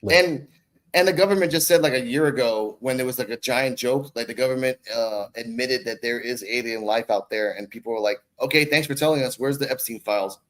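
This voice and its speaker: This Bronx, New York native, an online content creator and podcaster, is a guest on a casual conversational podcast. His mid-range voice is brisk and fairly bright, and he rambles in slang with some swearing mixed in.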